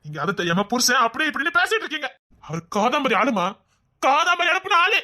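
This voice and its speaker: A woman's voice: high-pitched, big pitch swings, quick pace, bright, forceful tone, exaggerated voice. A woman voicing a hurt, angry grown son who pleads with his mother in a dubbed serial drama. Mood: accusing. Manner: pleading, accusing.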